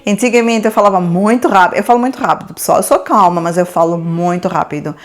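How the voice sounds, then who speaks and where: A woman vlogging from home, chatting calmly and deliberately to her viewers in a relaxed Q&A. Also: fairly low pitch. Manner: calm, soft-spoken and deliberate. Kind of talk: casual Q&A vlog chat. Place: home in England.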